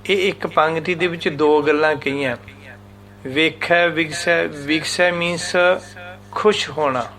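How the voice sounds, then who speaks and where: Slow, patient Punjabi-accented male scripture teacher. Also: on the high side, a bit bright. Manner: slow, patient explaining, chants lines then repeats them syllable by syllable. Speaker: Gurbani teacher. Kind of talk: religious scripture lesson.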